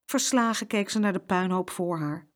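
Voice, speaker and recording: A woman's voice: mid-range voice, normal speed. A woman reading a children's story aloud and acting out the sound effects.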